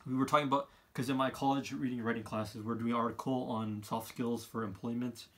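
A man, giving his opinions in a casual monologue, halting and often repeating himself as he rambles. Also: medium pitch, steady tone, fairly bright tone. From Canada. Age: 20s. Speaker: vlogger, college student. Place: small room indoors, seated by a wall.

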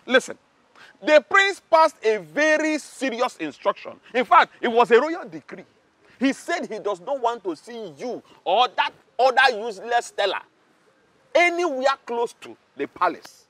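An actor with a Nigerian accent playing a pompous, hot-tempered palace guard who is loud and scornful. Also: male voice, very high voice, sing-song, unhurried, dry recording, full character voice. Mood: angry scornful.

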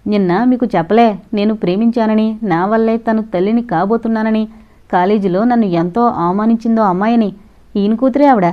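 A woman's voice: a little high, brisk, close to an everyday voice. Woman voicing earnest young male student. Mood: indignant. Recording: dull lo-fi recording.

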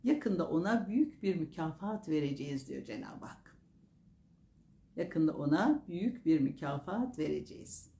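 A woman preacher giving a sermon that explains Quran verses, chanting the Arabic lines slowly and then explaining them calmly. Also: deep voice, vocal fry, roomy sound. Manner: addresses listeners as dear brothers and sisters.

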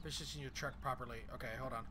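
A man's voice: medium pitch, fairly even intonation, rapid-fire. A young man hosting a gaming channel, giving casual let's-play commentary and reading menu items aloud as he plays. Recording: game vehicle noise behind.

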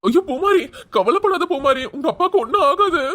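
A concerned young male friend anxiously urges and consoles, as a woman acts him out. The cartoon voice is high and animated. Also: a little fast, very noisy. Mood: worried. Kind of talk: cartoon serial voice acting.

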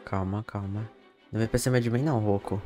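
Brazilian man gaming, cursing and shouting. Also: lowish voice, steady tone, fairly quick, soft background music. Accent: Brazilian Portuguese. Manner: swears a lot, bursts into loud panicked shouting. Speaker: gamer streamer. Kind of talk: live gameplay commentary.

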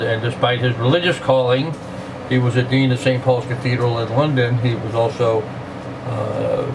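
Grandfatherly man in his sixties, noisy distant mic. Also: mid-range voice. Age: 60s. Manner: grandfatherly, unhurried. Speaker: host of a reading channel. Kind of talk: casual vlog talk with poetry reading. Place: small room indoors. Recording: distant mic, clear air-conditioning hum.

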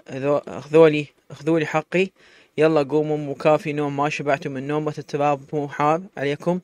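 A man's voice: fairly high pitch, darkish tone, clean tone, no room sound, close to an everyday voice. A man with an Iraqi accent voicing a tearful, abandoned young pregnant wife who pleads and sobs. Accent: Iraqi Arabic. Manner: pleading, sobbing speech.

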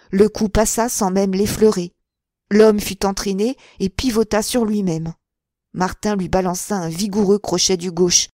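A woman narrating a classic novel as an audiobook in a clear, measured and expressive way on a close mic. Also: mid-range voice, dry recording.

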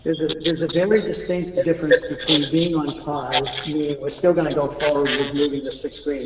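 A man on a committee, speaking in a measured, deliberate way over video-call audio that keeps breaking up and cutting out. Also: medium pitch. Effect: choppy video-call audio that keeps cutting out. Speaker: committee member. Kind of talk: remote meeting discussion. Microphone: remote video call. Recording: distant, echoey, noisy call audio.

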